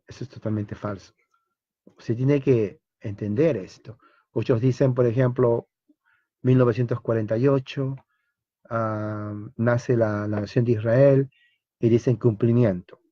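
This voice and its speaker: A man's voice: mid-range voice, a little mellow, no room sound. A man teaching a theology lecture as a Bible teacher, emphatic and full of rhetorical questions, on a dull lo-fi recording.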